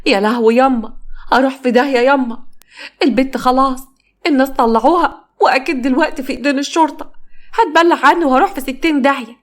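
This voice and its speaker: A woman's voice: sits high, steady tone, quick pace, voice pushed up, natural voice. A woman with an Egyptian accent voicing a panicked middle-aged daughter who wails about her fate. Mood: panicked, wailing. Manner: wailing, panicked.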